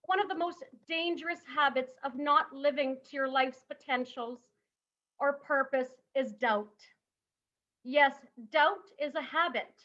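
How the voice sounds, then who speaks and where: Bright, high-voiced woman giving a motivational talk. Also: dull audio. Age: 30s. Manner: rhetorical questions, emphatic. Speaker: summit speaker.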